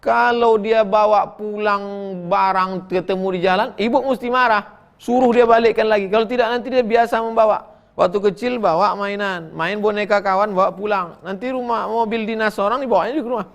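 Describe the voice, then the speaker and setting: A man's voice: high-pitched, fairly quick, vocal fry, dull audio. A middle-aged male preacher, answering questions from the audience in a folksy, joking way. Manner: folksy, joking, animated storytelling. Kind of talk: humorous question-and-answer sermon.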